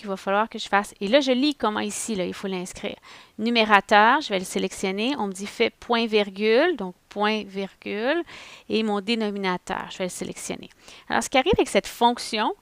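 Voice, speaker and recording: A woman, a teacher talking through a software tutorial step by step, thinking aloud as she goes. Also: medium pitch, no room sound. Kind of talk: screen-recorded software tutorial.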